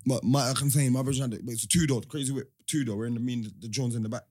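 A man's voice: medium pitch, fairly even intonation, very fast, a little mellow. A young man with a London accent, chatting and telling stories casually in heavy roadman street slang.

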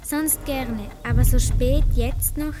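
A frightened boy whines and pleads with his father in a read-aloud children's story, voiced by a woman. The voice is high and the delivery is pleading and reluctant. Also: fairly even intonation, slow. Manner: whining, pleading. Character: scared whining boy, eldest son.

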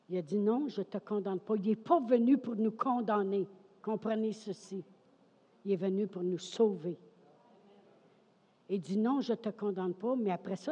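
A woman's voice: medium pitch, dark tone, husky. A woman pastor with a Québécois French accent preaching an emphatic sermon, often asking "OK?" and saying "Amen". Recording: dull sound with long hall reverb.

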